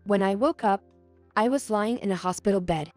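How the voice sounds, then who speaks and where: A young adult woman reading a first-person story aloud as narrator, in a soft, earnest storytelling manner. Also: medium pitch, moderate pace, faint music behind.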